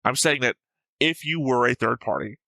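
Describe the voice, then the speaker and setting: Close and dry, with no echo, this anime reaction host has a very bright, forceful, creaky mid-pitched voice at normal speed. He argues casually through plot theories, reasoning aloud and swearing as he goes.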